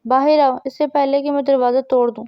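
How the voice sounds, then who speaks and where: A woman's voice: sits high, steady tone, no echo, highs cut off. A woman reading the part of a stern, cold male boss who speaks in curt commands.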